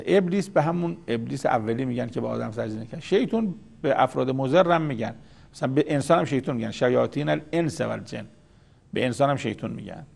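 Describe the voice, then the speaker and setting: Casting: male religious lecturer, gravelly voice, patient and explanatory, mid-range pitch. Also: darkish tone. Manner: explanatory, repeats key words. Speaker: Quran commentator.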